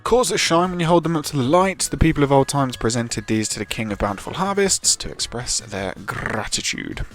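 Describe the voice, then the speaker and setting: A man's voice: mid-range voice, lively intonation, normal speed, hardly any pauses, fairly bright tone, lightly acted. Man doing a brash jokey London-style bloke. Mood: chatty. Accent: put-on London-ish clipped accent. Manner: clipped word endings, blunt and chummy. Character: cheerful rough-spoken older man, brash and jokey. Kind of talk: reading game dialogue aloud. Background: faint game music.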